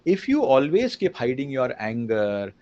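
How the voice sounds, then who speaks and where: A man's voice: mid-range voice, very animated, measured pace, darkish tone. A man with an Indian accent teaching a class in a conversational way, often asking questions and mixing in Hindi. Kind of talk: interactive lecture. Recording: dull lo-fi recording.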